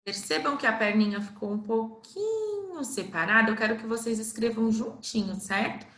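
Stretching syllables out for her first graders, a Brazilian Portuguese-accented woman leads a patient, slow-paced reading and writing lesson. She sounds expressive, with a voice on the high side and a fairly bright tone, and the space is reverberant.

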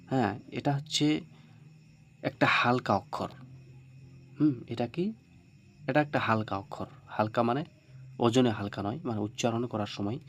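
A man giving an informal spoken lesson on Arabic pronunciation. He asks questions and answers them himself, and slowly repeats each sound for the listener. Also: medium pitch, slight background noise.

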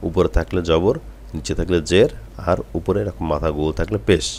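A deep-voiced man teaches a reading lesson. He is patient and repetitive, sounding out each syllable slowly and going over it again. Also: darkish tone, slight background noise. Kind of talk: step-by-step recitation lesson.

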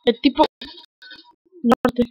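A man with a Mexican accent giving casual gameplay commentary over a headset, muttering quietly to himself in slang with sudden excited outbursts. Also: very slow, low-quality recording. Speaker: gamer.

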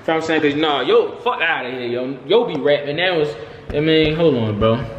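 A man hosting a street comedy rap battle in a shopping mall, trash-talking loudly with laughs and shouts. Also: on the high side, expressive, normal speed, lo-fi sound. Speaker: prankster host. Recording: echoey mall, faint background noise.

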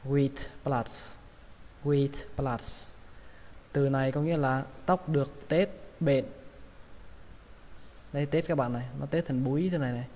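A man's voice: mid-range voice, brisk, long pauses, dark tone. A man with a Vietnamese accent teaching English pronunciation, patiently repeating each word. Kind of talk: pronunciation lesson. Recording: long reverb, faint ambient noise.

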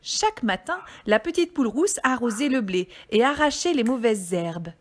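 A woman, a kindergarten teacher, reading a storybook aloud to young children in a gentle, expressive way. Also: fairly high pitch, moderate pace.

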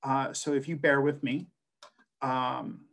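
This translator and scholar, a middle-aged Western American man, speaks slowly into a webcam during a personal video-call talk. His medium-pitched voice is fairly bright with vocal fry and fairly even intonation. He narrates earnestly, often restarting and filling gaps with "uh."

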